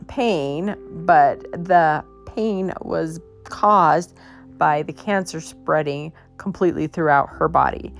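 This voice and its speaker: A woman host telling a personal story in a casual, halting way, her voice worn as if she is losing it. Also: sits low, gravelly. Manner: halting, many fillers and restarts. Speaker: podcast host.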